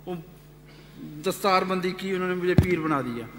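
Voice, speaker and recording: A man giving an earnest personal testimony, retelling events with animated quoted dialogue. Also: sits high, background noise. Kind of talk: storytelling testimony. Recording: echoey hall reverb.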